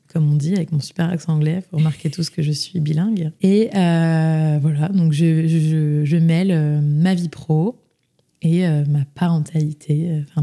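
Young woman chatting on a podcast, low dark voice, lots of euh and restarts. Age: young adult. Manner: chatty, many fillers and restarts. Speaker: interview guest. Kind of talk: casual podcast interview.

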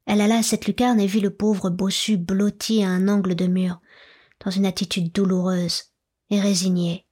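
A woman reads a classic novel aloud in a soft, measured voice that drifts into whispers. Her tone is very breathy and husky. She keeps a flat, even delivery with little rise and fall. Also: mid-range voice. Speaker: audiobook narrator. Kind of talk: literary audiobook narration.

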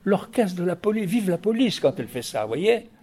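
A man over fifty speaks as an interview guest, his voice somewhat high for a man yet mellow and dark in tone. He talks with passion but often stops, restarts and repeats his words while searching for them. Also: sing-song, a little fast, slightly rough. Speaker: guest, record producer and music writer. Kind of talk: radio interview.

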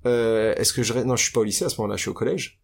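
A young man from Paris, France, appears as a guest in a casual interview, candidly telling his life story with many fillers and restarts. His medium-pitched voice is creaky and races along.

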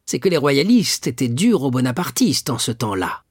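Man reading as a hearty, frank shipowner, husky, raised lively pitch, dry sound. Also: moderate pace, dry recording. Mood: pleading. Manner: open, pleading, hearty. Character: frank, earnest older shipowner. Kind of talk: audiobook character reading.

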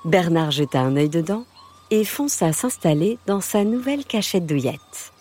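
A woman narrating a children's story in a lilting, expressive way. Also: lowish voice, normal speed. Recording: music bed under the voice.

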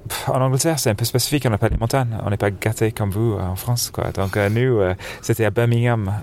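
A man from England with a clear English accent, somewhat low in pitch. He talks in a relaxed, chatty way, full of fillers and easy laughs, like a guest on a casual podcast. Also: fast, a little hiss or hum. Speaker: snowboard shop buyer, podcast guest. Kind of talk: casual interview chat. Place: dark corner of a trade fair hall, on a sofa.

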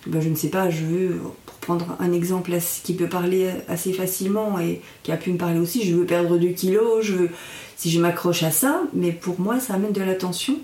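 A woman speaking as an instructor in an interview, explaining things in a reflective, halting way as she searches for her words. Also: fairly low pitch, steady tone, dark tone. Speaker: mindfulness instructor and guest. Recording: echoey room, distant from microphone.

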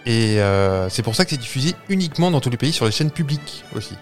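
A man's voice: mid-range voice, lively intonation, quick pace, soft background music. A man with a French accent co-hosting a casual podcast, explaining facts with many fillers and restarts. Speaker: podcast co-host. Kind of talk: casual chat.

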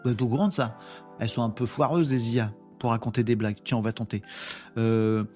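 Casual male streamer host, mid-pitched, loose and rambling, reads chat aloud over faint music. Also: steady tone, brisk, darkish tone.

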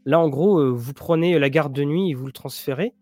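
A man's voice: on the high side, brisk, darkish tone, dry recording. A man hosting a casual show about role-playing games and series, rambling with many restarts and fillers. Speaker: tabletop RPG and series show host. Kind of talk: casual chat to viewers.

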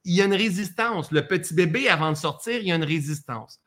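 A man's voice: high-pitched, lively intonation, fast, a bit bright. A man with a Québécois accent teaching a live masterclass in a conversational way, breaking off for joking asides about himself. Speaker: personal development speaker.

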